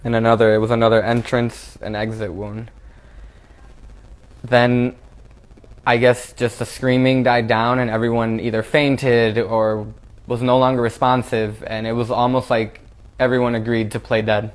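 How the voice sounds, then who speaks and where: A young man recounting a traumatic event he survived, speaking haltingly with frequent restarts. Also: medium pitch, clean tone. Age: young adult. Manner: halting and flat, with repeated restarts. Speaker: shooting survivor. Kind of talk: recounting a personal ordeal.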